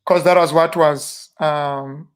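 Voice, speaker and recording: A South African minister in his fifties, guesting on a relaxed interview, drifts through memories unhurriedly with many fillers and restarts. His mid-high voice is clear and resonant, with fairly even intonation.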